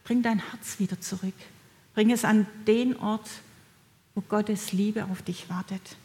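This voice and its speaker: Middle-aged woman giving a sermon, warm-hearted direct address, average pitch. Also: steady tone, a little slow. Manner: gentle, encouraging, speaks directly to listeners. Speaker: preacher.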